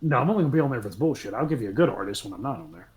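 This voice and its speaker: A man talks loosely and jokes his way through a podcast chat, padding his thoughts with ums and uhs. His voice sits at a middling pitch, neither deep nor high. The delivery stays relaxed and unscripted. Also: rapid-fire. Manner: loose, joking, rambling with many ums. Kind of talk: casual chat.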